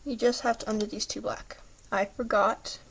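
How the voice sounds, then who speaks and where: A woman's voice: on the high side, little pitch movement, normal speed, gravelly, slight background noise. Chatty woman giving craft instructions. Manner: patient, chatty instructions with small slips and apologies. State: slightly throaty, clears throat. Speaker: craft tutorial maker. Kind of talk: step-by-step craft tutorial.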